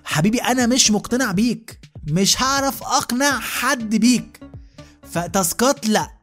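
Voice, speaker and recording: A man's voice: extremely high pitch, lively intonation, normal speed, fairly bright tone, faint music behind. An Egyptian man in his thirties delivering a comic rant as a podcast host, asking "you know what I mean" again and again. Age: 30s. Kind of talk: comic monologue.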